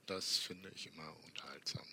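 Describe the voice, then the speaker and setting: An older man talking casually as an interview guest, explaining things in a halting, conversational way. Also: very deep voice, fairly even intonation, pushed and bright, breathy edge, whispered. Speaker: podcast guest, workshop teacher.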